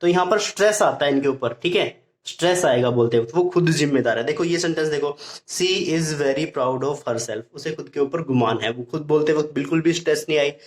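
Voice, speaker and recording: A man teaching English grammar in Hindi. He explains step by step, repeats each point and reads English examples slowly. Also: fairly high pitch. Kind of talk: Hindi-language grammar lesson. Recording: echoey room.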